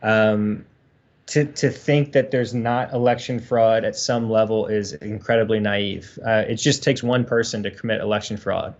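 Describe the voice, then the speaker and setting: A man's voice: on the low side, fairly even intonation, moderate pace, lo-fi sound. A man co-hosting a casual livestream chat, rambling earnestly with many fillers. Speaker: co-host.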